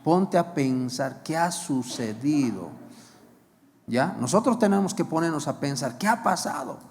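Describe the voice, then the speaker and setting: A man preaching a sermon in a church hall, his voice sitting a bit high and carried with long reverb. He speaks slowly and deliberately, keeps posing rhetorical questions and repeats his key phrases as a pastor does. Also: lively intonation.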